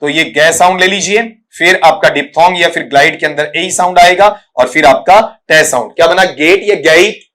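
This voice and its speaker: A man with a notably high-pitched voice leads an exam-prep English class, drilling word sounds over and over. He addresses his students fondly as "beta" and breaks each word into its sounds. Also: fairly quick, hardly any pauses, fairly bright tone. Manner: drills words by repeating them, calls students "beta". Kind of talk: pronunciation lesson lecture.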